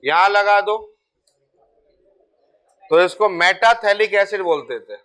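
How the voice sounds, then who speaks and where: A man's voice: sits high, slow, fairly bright tone. A man teaching chemistry, talking casually and repeating key terms while checking that students follow. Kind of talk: board lecture.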